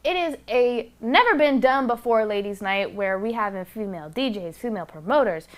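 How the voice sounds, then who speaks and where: A woman's voice: a little high, animated, normal speed. Blunt, candid woman podcast host. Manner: candid, blunt, swears freely. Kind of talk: casual solo podcast commentary. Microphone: close microphone.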